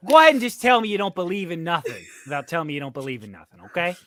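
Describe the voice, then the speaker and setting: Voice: medium pitch, very animated, rapid-fire, fairly bright tone. A game master voicing a brash male crook with a Boston accent in a tabletop game. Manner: brash, argumentative. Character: scrappy male Boston crook, starving-artist husband, communist.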